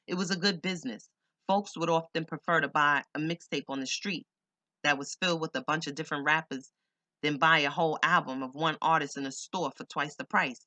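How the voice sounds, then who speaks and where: Blunt, forceful male memoir narrator. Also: on the high side, no echo. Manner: blunt, streetwise and profane. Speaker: audiobook narrator. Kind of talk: first-person memoir audiobook reading.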